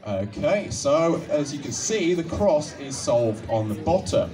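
On a nighttime outdoor stage, a young adult man guides a cube solve through a handheld microphone, his voice pitched on the high side with a sing-song lilt. He stays patient and courteous, going slowly and laughing softly now and then. Crowd and music come through on the far-off mic.

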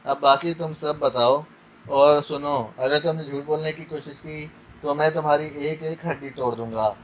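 A man's voice: on the high side, steady tone, normal speed, slight background noise, natural voice. Man voicing a cold, menacing male interrogator. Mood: threatening. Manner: icy and threatening.

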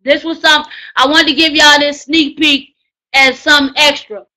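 Woman, very high pitch, bright tense voice, loud hollering teacher, slangy preacher-like pep talk. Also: fairly even intonation, measured pace, rough recording. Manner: repetitive "you gotta" slangy coaching. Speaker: writing class teacher. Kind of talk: live online class on book promotion.

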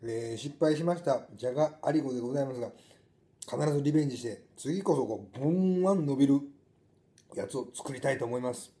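A man's voice: mid-range voice, quick pace, mellow. A middle-aged man with a Kansai Japanese accent, chatting casually and muttering to himself as he cooks and tastes. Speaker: food vlogger. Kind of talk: casual chat while cooking and tasting. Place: small indoor room at a table.

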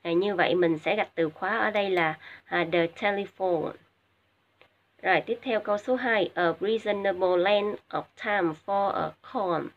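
A woman teacher with a Vietnamese accent giving a recorded English lesson, glossing each word in Vietnamese with frequent hesitant fillers and slow repetitions. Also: mid-range voice. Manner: explains each word in Vietnamese, many filler sounds, drills English words slowly twice. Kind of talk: recorded video lesson for high school students. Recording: dull lo-fi recording.

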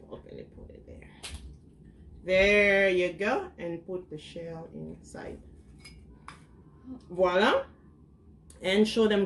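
Mom talking cooking steps to a counter camera in her kitchen, chatty and teaching, faint hiss behind. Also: medium pitch. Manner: chatty, instructive, talks to her kids while cooking. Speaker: cooking vlogger and mother. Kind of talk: home cooking demonstration. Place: home kitchen, indoors.

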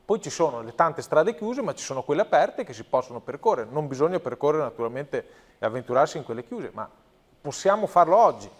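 A man's voice: on the high side, very animated, brisk. A man, speaking as a guest on a studio talk show, earnest and emphatic, often restarting his phrases. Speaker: provincial president, guest.

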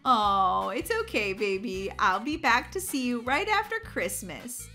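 Woman playing a cooing daycare teacher, bright voice. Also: on the high side, animated, a little slow, faint music behind, exaggerated voice. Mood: patient. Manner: soothing, sing-song baby talk. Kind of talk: children's toy role-play story.

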